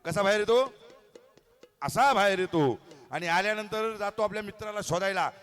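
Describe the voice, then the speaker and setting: A man's voice: high voice, moderate pace, fairly bright tone. A man emceeing a live stage show, coaxing and teasing children in a playful way on a handheld mic outdoors. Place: outdoor stage at a hotel lawn.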